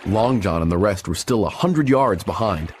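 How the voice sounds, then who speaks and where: A man narrating an adventure storybook in an expressive reading style. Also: lowish voice, normal speed, slight background noise.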